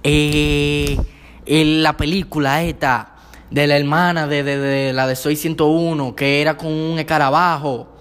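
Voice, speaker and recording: A young man with a Dominican accent talks in a slightly high voice with faint noise behind him. He is casual but insistent, cutting in to hold the floor among friends. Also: level tone, unhurried, a bit bright. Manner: insistent, interrupting. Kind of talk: casual group chat.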